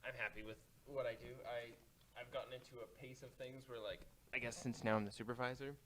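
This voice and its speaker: A man's voice: medium pitch, steady tone, pushed and bright, a little hiss or hum. A young man co-hosting a casual podcast, often stopping to search for words between jokes. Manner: halting, searches for words, joking. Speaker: podcast co-host.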